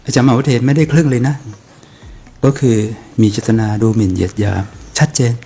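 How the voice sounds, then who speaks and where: A Buddhist monk speaks in a mellow, darkish voice, earnest and aggrieved as he rebuts criticism. A faint hiss of noise sits under his talk. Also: mid-range voice, expressive, fairly quick. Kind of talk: monk's spoken commentary.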